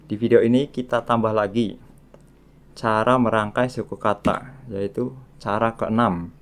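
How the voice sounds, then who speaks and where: Male tutor, unhurried drill-style delivery, mid-pitched voice, patient and deliberate. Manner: slow and deliberate, repeating each sound in drills. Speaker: Korean language teacher. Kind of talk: slow, patient lesson narration.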